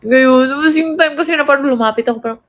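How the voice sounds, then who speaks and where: Young Filipino woman, fairly high voice. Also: quick pace, rough recording. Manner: reflective, mixes English in, laughs. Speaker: pop group member. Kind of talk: casual storytelling.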